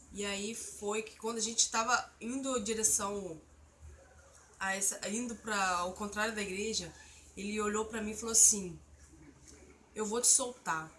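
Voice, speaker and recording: A woman with a bright, fairly high voice shares a personal testimony of faith. She tells the story earnestly and with feeling, over a faint background ambience. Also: slight background noise. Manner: earnest storytelling, emotional retelling of an assault. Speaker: testimony speaker.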